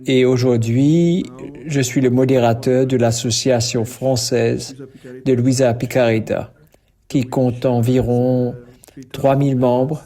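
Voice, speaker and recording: Priest guy from cameroon, slow careful talk, warm low-key tone. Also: steady tone. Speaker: parish priest, guest.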